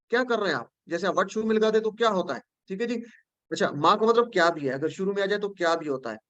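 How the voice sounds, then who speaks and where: A man with a Pakistani Urdu accent and a fairly high voice teaches word meanings. He repeats each word patiently and checks often that his students are following. The recording is dry and a little dull. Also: fairly bright tone, dry recording. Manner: recites prayer phrases slowly. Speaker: Quran teacher.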